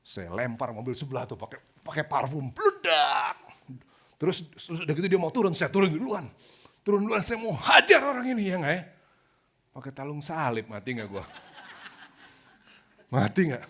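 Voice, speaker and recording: A man's voice: on the high side, normal speed, pauses often. A male pastor preaching a sermon, telling stories with slang and jokes. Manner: animated storytelling with slang and jokes.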